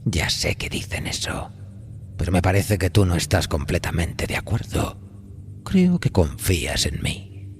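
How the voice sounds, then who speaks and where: Acting in an audio horror drama, a man voices a sly devil of a train conductor and smooth dealmaker, using an exaggerated, sing-song delivery over background music and slight noise. He speaks in a low, gravelly, breathy near-whisper, sly and amused, taking his time, insinuating, and talking to the listener in a familiar way.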